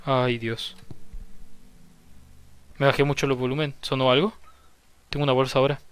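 A man's voice: medium pitch, little pitch movement, moderate pace, a bit bright, slight background noise. A young Chilean man streaming a horror game live, nervous and swearing, repeating lines when scared. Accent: Chilean Spanish. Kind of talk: live horror gameplay commentary.

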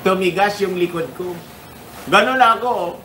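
A man's voice: sits high, normal speed, a bit bright, far from the mic, slight background noise. A man hosting a casual political commentary livestream, chuckling often and greeting his viewers by name. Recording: echoey room.

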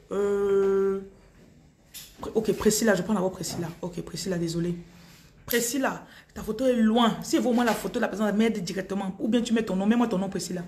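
A woman's voice: medium pitch, darkish tone, slight background noise. A woman with a Cameroonian French accent reads viewers' energies on a live stream, repeating each name before she gives blunt advice. Her voice sits in the middle of the range. She talks into a phone in a room with a noticeable echo. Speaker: spiritual reader on a live stream. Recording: roomy echo.

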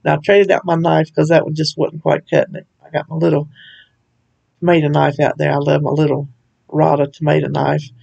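Woman with a really gravelly fry-heavy voice, chatty home cook walking thru a recipe, laughs a lot. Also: deep voice, flat delivery, a little fast, darkish tone, highs cut off. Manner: chatty, laughs often, folksy asides. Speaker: cooking channel host. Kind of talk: casual recipe walkthrough.

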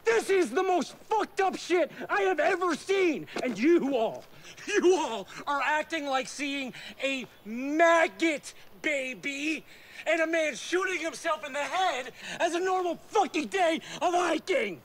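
A frantic, high-voiced young hiker. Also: male voice, expressive, unhurried, full character voice. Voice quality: swearing, agitated and shouting. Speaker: panicked hiker. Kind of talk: film acting. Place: woods outdoors.

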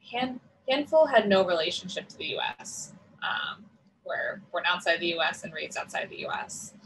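A woman presents her research over a video call with earphones, reading in a measured, even way. Her pitch stays flat and level, with a faint hiss in the background. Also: poor audio. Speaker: academic presenter. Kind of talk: conference presentation.

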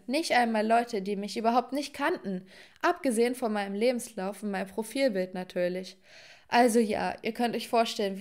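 A young woman narrating a scripted first-person story and talking straight to viewers. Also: fairly high pitch.

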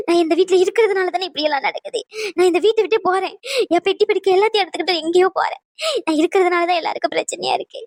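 A woman's voice: very high voice, dry recording, clean studio sound. Woman voicing a crafty old cartoon granny. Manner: wheedling, plays the victim. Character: scheming elderly grandmother, crafty and self-pitying. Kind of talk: cartoon voice acting.

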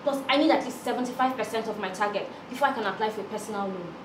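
An actress playing a stern, defiant young working wife in a film drama, firm and cutting. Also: female voice, mid-range voice, very fast, natural voice. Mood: defensive. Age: young adult. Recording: echoey room, noisy location sound.

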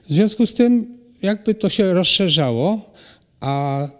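A middle-aged ceramic artist and cultural animator, appearing as a guest, answers interview questions hesitantly, with many pauses and restarts. His voice sits high and sounds animated. He's in a cultural centre hall, and the recording carries the hall's long reverb.

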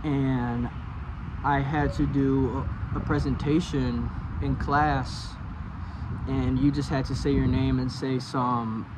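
A young adult male vlogger who stutters talks personally to camera under a park pavilion, speaking slowly and hesitantly with blocks, repeated sounds, and many fillers. His voice is medium-pitched with little pitch movement. He holds a small mic close to his mouth, and traffic noise comes through from outside.

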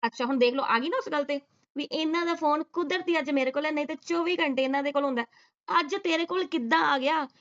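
A woman's voice: high-pitched, fast talker, fairly bright tone, dull audio. A woman doing sarcastic reaction commentary, scolding and mocking with rhetorical questions. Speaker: reaction vlogger.

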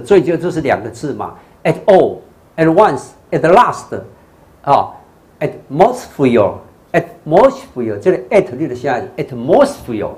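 A man's voice: mid-range voice, darkish tone. An older man, a Buddhist monk with a Taiwanese Mandarin accent, giving a televised English lecture, spelling words out letter by letter and slipping into Taiwanese Hokkien.

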